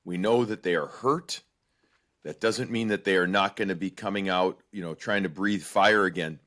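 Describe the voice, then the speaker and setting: Man, sports podcast co-host, lowish voice, lively casual delivery. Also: normal speed.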